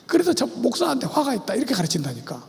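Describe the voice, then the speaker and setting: A man preaches at a church seminar in a strikingly high, gravelly voice that swings up and down with energy. He keeps firing questions at the congregation and leads them in call-and-response. His voice rings out with a long reverb through the sanctuary. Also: wildly swooping pitch, quick pace, darkish tone. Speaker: pastor teaching about cults.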